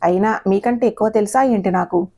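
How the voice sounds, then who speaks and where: A woman voicing a gentle older mother who speaks softly and tries to persuade in an audio story. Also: medium pitch, fairly quick, close to an everyday voice. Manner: soft, coaxing.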